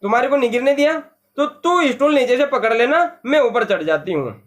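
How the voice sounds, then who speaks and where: A man's voice: very high voice, expressive, brisk, fairly bright tone. A man voicing a little girl who begs her older brother in a whiny, pleading tone. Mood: insistent.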